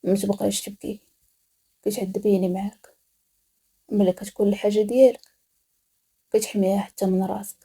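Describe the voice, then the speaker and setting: A woman with a Moroccan accent voicing a possessive, menacing male mafia boss in a storybook, speaking low, quiet and controlling. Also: fast, pauses often, lightly acted. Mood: brooding.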